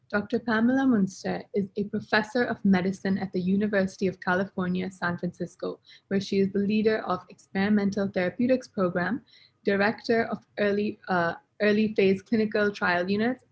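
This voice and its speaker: A woman's voice: mid-range voice, darkish tone, breathy edge. A woman hosting a webinar over a video call, reading a polite introduction and asking questions with a few fillers. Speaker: webinar host. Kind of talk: scripted introduction and interview questions.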